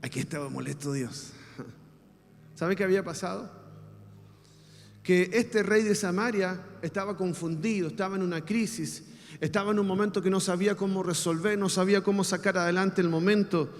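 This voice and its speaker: A man with a Chilean Spanish accent preaching a sermon as a pastor, leading the congregation in call-and-response and swinging from soft speech to shouts. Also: high voice, normal speed, in a large hall.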